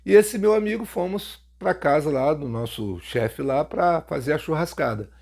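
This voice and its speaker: Brazilian man, slightly higher voice, sarcastic storyteller talking straight to his audience. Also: moderate pace, creaky. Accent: Brazilian Portuguese. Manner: mocking, jokey, animated telling. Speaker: storytelling YouTuber. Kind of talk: casual first-person storytelling.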